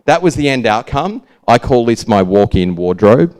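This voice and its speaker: A man's voice: medium pitch, big pitch swings, a little slow, a little mellow. A man with an Australian accent and a lazy, laid-back drawl, giving an informal, rambling talk about his own work. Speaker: speaker presenting own brand work.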